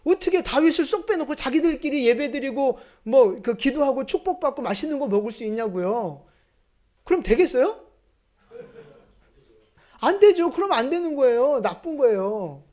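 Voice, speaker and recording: Animated woman preaching a sermon. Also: high voice, moderate pace. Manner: lively, talks to the congregation with questions and acted quotes. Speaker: pastor. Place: church sanctuary.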